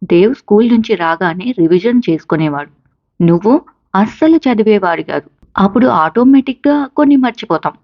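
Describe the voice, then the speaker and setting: A woman's voice: mid-range voice, animated, a little fast, no room sound, lo-fi sound. A woman voicing a caring mother who patiently encourages her college-age son. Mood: encouraging. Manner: patient, coaxing, reassuring.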